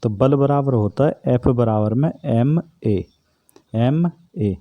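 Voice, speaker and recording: A man's voice: medium pitch, takes it slowly, no room sound, muffled recording. A man teaching an exam-prep physics lesson, who keeps asking questions and answering them himself. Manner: repetitive, asks and answers own questions.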